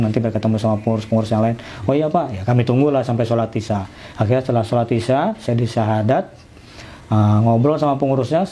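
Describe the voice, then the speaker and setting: A man's voice: medium pitch, dark tone, slight background noise. A middle-aged man, casually telling his own story and acting out the dialogue. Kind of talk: casual personal testimony.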